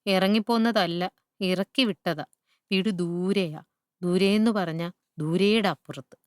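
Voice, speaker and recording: A woman's voice: fairly low pitch, unhurried, no echo, studio quality, voice pushed up, natural voice. A woman voicing a tearful, homesick young boy in a spoken storybook, in a plaintive raised voice.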